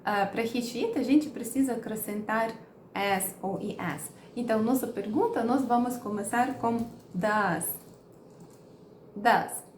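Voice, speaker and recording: In a slow, explanatory English lesson, a woman carefully repeats each example sentence. Her voice is fairly high, a little slow and slightly mellow, and the recording sounds roomy with faint background noise.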